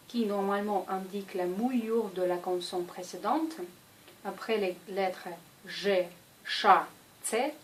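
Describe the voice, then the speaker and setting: A woman teaching a language lesson, speaking slowly and deliberately and repeating each example word. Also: mid-range voice, darkish tone, a little hiss or hum, rough recording.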